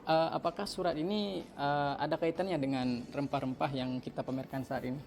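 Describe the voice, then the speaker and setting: A man's voice: a little high, steady tone, fairly quick, a little mellow, soft background music. Polite male interviewer at a museum. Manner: polite, with frequent fillers. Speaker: interviewer and host. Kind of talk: on-location interview. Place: museum exhibition hall.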